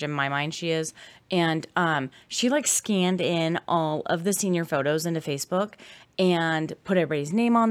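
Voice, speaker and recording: Tired, low-voiced woman chatting. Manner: chatty, storytelling, many fillers. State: tired from little sleep. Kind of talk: casual chat.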